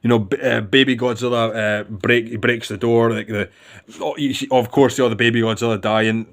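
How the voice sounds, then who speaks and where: A man's voice: mid-range voice, steady tone, a little fast, a bit bright. A man giving a casual, rambling film review with enthusiasm, often restarting his sentences.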